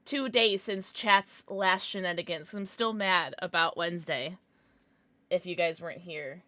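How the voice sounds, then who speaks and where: A woman livestreamer chatting casually with her viewers in a playful, giggly, excitable manner. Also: lowish voice, unhurried, dry recording. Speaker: live streamer, host.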